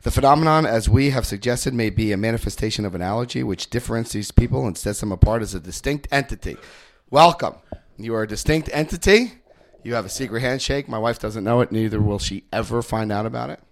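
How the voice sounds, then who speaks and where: A New Jersey man with a New Jersey accent speaks briskly in a creaky, mid-range voice as he leads a recovery group through a book. He keeps it joking and story-driven, checking in often with his listeners.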